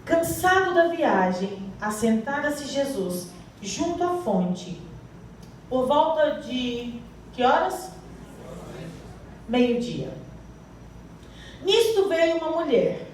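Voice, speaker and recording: A woman's voice: high-pitched, very animated, takes it slowly, long pauses, a little mellow. A woman with a Brazilian Portuguese accent preaching a church sermon, reading scripture and quizzing the congregation with questions. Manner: asks the congregation questions and prompts answers. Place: church hall. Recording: very echoey hall, mic far off, faint hiss.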